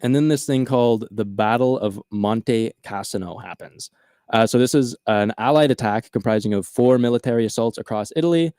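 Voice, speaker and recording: A man hosting a podcast, telling a story in casual chat, animated and full of "uh" and "like". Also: mid-range voice, brisk, smooth, dry recording, studio quality. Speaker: podcast host.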